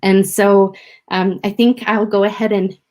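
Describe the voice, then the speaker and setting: A woman speaking as a guest educator on a video call, halting and emotional, with many fillers. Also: medium pitch, level tone, darkish tone. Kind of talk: informal event remarks.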